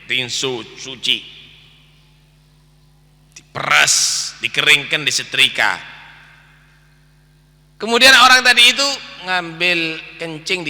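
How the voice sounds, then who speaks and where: Man, sermon, animated storytelling, very bright tone, long echo of a big hall. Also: mid-range voice. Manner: animated storytelling, addresses listeners as brothers. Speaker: preacher. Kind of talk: dawn lecture sermon.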